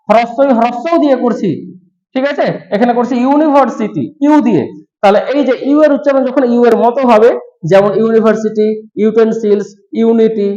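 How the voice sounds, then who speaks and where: High-voiced man teaching grammar patiently. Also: darkish tone. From West Bengal, India. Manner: slow, repetitive step-by-step explaining. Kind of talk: explaining grammar rules to students. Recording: echoey, dull room sound.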